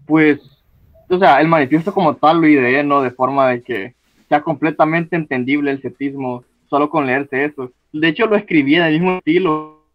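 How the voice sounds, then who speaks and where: A man's voice: on the high side, normal speed, no echo. A man with a Mexican accent, a guest in a casual group chat, talking loosely with lots of fillers and laughter. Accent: Mexican Spanish. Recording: dull dry mic.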